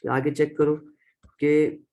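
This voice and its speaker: A man's voice: a little high, level tone, slow pace, a little mellow, rough recording. A man with a Pakistani accent teaching a grammar lecture, explaining step by step and repeating each example. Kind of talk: classroom-style grammar lecture.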